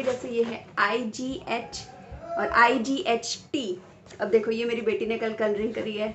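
A woman vlogger reviewing phonics books in a chatty, explanatory way, sounding out letters and words slowly as she goes. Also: a little high, highs cut off, a little hiss or hum.

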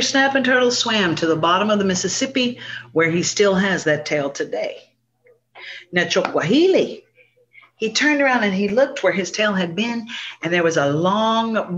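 Animated woman storyteller, lo-fi recording. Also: fairly low pitch. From Chickasaw Nation. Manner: animated, expressive, conversational. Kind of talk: oral folk tale storytelling. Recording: dull lo-fi recording.

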